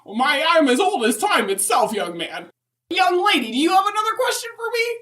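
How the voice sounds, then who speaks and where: A woman's voice: very high voice, sing-song, fairly quick, sharp tone, heavily acted. A woman playing a centuries-old, chatty and opinionated Mrs. Claus in a comic podcast interview, rambling with folksy emphasis. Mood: chatty, self-important.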